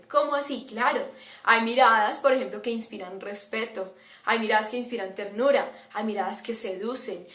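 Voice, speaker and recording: A woman leads an informal talk for parents, her voice sitting a little high. She coaches listeners with rhetorical questions and checks in with them often. The recording carries a noticeable roomy echo. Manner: warm, coaching tone with rhetorical questions and frequent "¿vale?". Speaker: psychologist giving a talk to parents and caregivers. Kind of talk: informal lecture.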